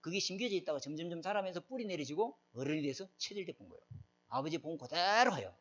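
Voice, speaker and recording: Emphatic middle-aged male pastor, slightly high voice, dull lo-fi recording. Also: very animated, quick pace, fairly bright tone. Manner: emphatic, asks the congregation questions. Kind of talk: sermon.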